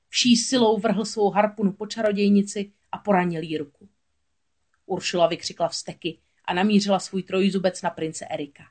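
A woman narrating a children's storybook aloud in a steady, expressive voice. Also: medium pitch.

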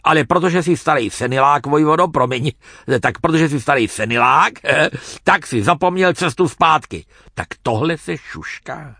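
A man's voice: fairly high pitch, lively intonation, sharp tone, no room sound, studio quality, heavily acted. A man voicing a bold young woman warrior who teases and needles with blunt questions. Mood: mocking.

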